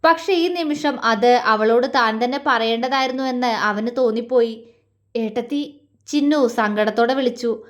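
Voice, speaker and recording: A woman narrating a romantic family story, expressively voicing the characters' lines. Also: moderate pace. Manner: expressive, shifts pitch for quoted characters.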